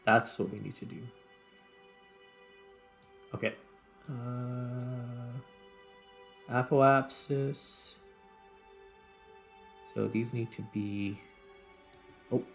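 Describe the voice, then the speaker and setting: Speaking extremely slowly with many pauses, this man has a mid-range, gravelly voice and a steady tone. He hosts a gaming video, giving relaxed commentary while thinking out loud over background music.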